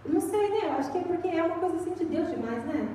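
A woman's voice: very high voice, lively intonation, racing, noisy background. A young Brazilian woman preaching a sermon in a church, chatty and storytelling, recorded from far off in an echoey hall. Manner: chatty storytelling, acts out voices.

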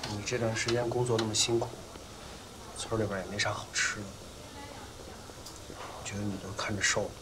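A man's voice: fairly low pitch, fairly even intonation, fairly quick, noisy background, lightly acted. An actor playing a contrite young husband who stammers out apologies and pleads with his crying wife. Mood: tender. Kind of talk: TV drama acting. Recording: drama scene under loud music.

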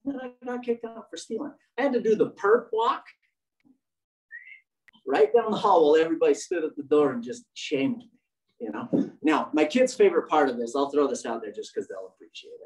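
A man's voice: a little high, lively intonation, fairly quick, a little mellow. A middle-aged man giving a candid, self-mocking personal story at a church meeting. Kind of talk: humorous personal story talk. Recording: distant mic.

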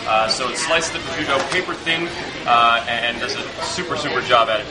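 A restaurant chef in his thirties, medium-pitched, gives a walkthrough interview inside the wine cellar and dining rooms, hesitating often with filler uhs. A handheld camera's mic picks him up close by, and the room is echoey with a noisy background hum.

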